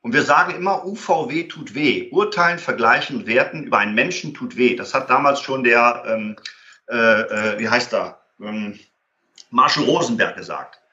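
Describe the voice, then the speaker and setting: A man's voice: mid-range voice, lively intonation, moderate pace, pushed and bright. A man as an interview guest, explaining conflict resolution with many fillers and acted-out example dialogues. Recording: roomy, dull lo-fi sound.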